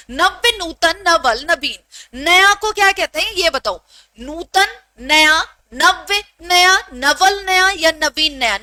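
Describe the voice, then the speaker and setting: A young woman teaching a live online Hindi exam-prep class, brisk and teasingly scolding, repeating each question to her students. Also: very high-pitched, sharp tone, no echo.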